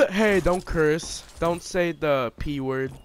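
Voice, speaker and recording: A man's voice: a little high, drawn-out words, background noise. A man trolling an opponent over game chat, taunting and mocking him with jokey insults. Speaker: online gamer trolling an opponent. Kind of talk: trash-talking game commentary.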